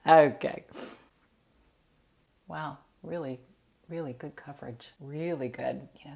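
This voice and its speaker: A woman's voice: sits low, creaky, a little mellow. A middle-aged woman, chatting through a makeup tutorial in a sleepy morning voice, friendly and self-deprecating. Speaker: beauty vlogger.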